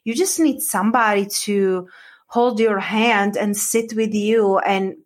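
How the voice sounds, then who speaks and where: A woman's voice: mid-range voice, slow pace. A woman from the Czech Republic with a Czech accent, a coach telling her story as a podcast guest, earnest and heartfelt. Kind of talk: podcast interview.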